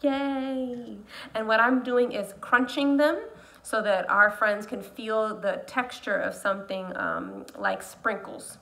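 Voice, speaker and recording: A woman teacher giving a read-aloud lesson, telling the story in an animated way with sudden whispers and exclamations. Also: a little high.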